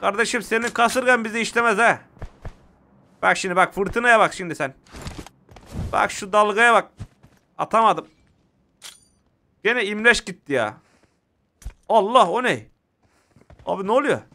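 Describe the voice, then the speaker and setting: A man with a Turkish accent giving excitable live commentary while playing a mobile shooter and talking to his viewers. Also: sits high, measured pace, pauses often, a little hiss or hum. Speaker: mobile game streamer.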